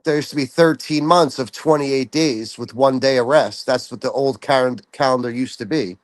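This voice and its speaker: A man's voice: mid-range voice, moderate pace, no echo. A man who has joined a casual livestream chat, confidently explaining number lore with certainty. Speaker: call-in guest.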